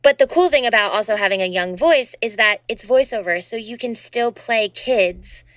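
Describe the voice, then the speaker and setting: In a dry recording, a young woman's medium-pitched, somewhat bright voice moves at a moderate pace. She's in her twenties, a dancer and voice actor chatting casually as an interview guest, upbeat and youthful, talking freely and often saying "you know."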